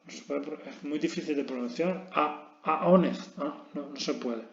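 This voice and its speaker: A man's voice: on the high side, fairly even intonation, normal speed, vocal fry, a little mellow. A man with a Spanish accent teaching an English grammar lesson, explaining step by step and often checking in with his listeners. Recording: echoey room, dull lo-fi sound.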